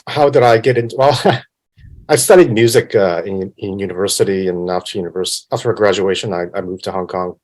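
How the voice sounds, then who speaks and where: A Canadian film composer is a guest on a podcast, answering questions in a casual interview. He has a low voice and talks a little fast, staying relaxed, laughing often and restarting his sentences frequently.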